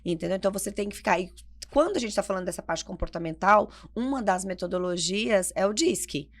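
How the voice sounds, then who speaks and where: A woman's voice: medium pitch, animated, quick pace. A woman consultant co-hosting a podcast, talking energetically and emphatically, explaining with everyday examples. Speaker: family behavior consultant and podcast co-host. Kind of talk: conversational podcast talk.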